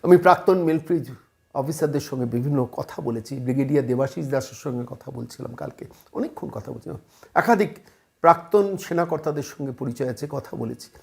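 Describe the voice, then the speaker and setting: A man's voice: mid-range voice, a little fast, creaky, a little mellow. A man from West Bengal, delivering impassioned political commentary in a hectoring way, firing off rhetorical questions.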